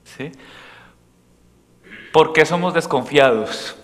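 Priest preaching in a reverberant church. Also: male voice, a little high, slow pace. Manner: questions the congregation directly, shifting from loud to soft.

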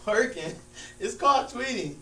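A man's voice: extremely high pitch, expressive, moderate pace, bright, forceful tone, exaggerated voice. A man acting out a smug, exasperated friend who mocks and corrects emphatically in a comedy scene. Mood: mocking. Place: large room with small stage, indoors. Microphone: far camera. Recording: distant, echoey room with hum and noise.

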